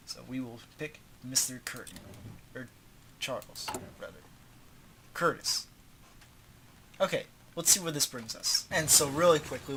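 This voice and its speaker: Over a noisy background, a man with a mid-range voice hosts a strategy game tutorial. His nose is stuffed up and his throat slightly sore, and he walks through the menus casually, using an offhand, slangy style.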